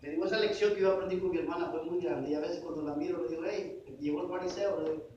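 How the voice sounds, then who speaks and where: A man's voice: on the high side, steady tone, rapid-fire, dark tone, slight background noise. A man preaching a sermon as pastor, asking the congregation questions and calling them brothers. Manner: call-and-response questions to the congregation; addresses listeners as brothers. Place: church sanctuary. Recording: echoey distant dull church recording.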